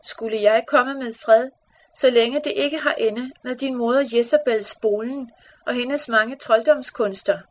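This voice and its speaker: A woman's voice: fairly high pitch, lightly acted. A woman reading the lines of a vengeful male warrior king in a stern, declaiming way. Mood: defiant.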